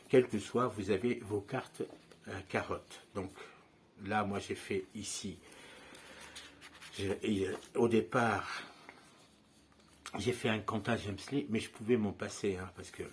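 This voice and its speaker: A man's voice: lowish voice, steady tone, measured pace, pauses often, a little hiss or hum. A man teaching a card trick step by step, in a chatty manner and often checking in with his listeners. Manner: conversational, frequent tag questions and fillers.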